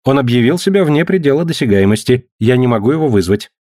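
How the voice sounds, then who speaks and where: An unflappable young secretary answers in a calm, matter-of-fact tone, as a male narrator voices her. She stays level and businesslike, like a character in an audiobook. The sound is dry and close. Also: mid-range voice, quick pace, no echo, close to an everyday voice.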